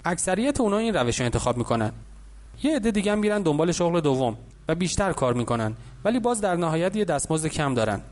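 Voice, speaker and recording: A man voicing a wealthy, confident older mentor who lectures calmly in an audiobook. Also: on the high side. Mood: lecturing.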